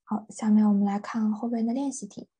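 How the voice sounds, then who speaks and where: Patient woman teaching English words, husky, mellow. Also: medium pitch, steady tone, brisk. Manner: patient, repeats each word, many fillers. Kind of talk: vocabulary lesson explaining words.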